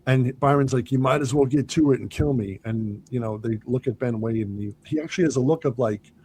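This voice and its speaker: Man, podcast host, casual film chat, animated retelling, faint background noise. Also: medium pitch, fairly quick. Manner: animated retelling, quoting movie lines.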